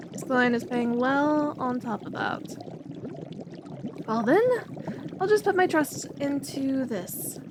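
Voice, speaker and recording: Her voice sits high against a noisy background. As an ASMR roleplay performer, she plays a young alchemist whose chatty, rambling work talk gradually becomes clingy and obsessive in a scripted audio piece.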